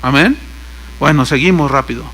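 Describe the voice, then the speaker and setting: An older man preaches a sermon in a high, bright voice. He tells stories and acts out the lines of the people in them. A faint mains hum sits under the recording. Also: normal speed. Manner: storytelling, acts out quoted lines. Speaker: pastor.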